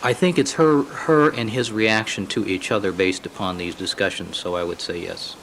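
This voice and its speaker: Courtroom recording of a judge, deep low voice, short firm rulings, faint room hiss. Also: male voice, steady tone, a bit bright, rough recording. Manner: terse, measured and authoritative.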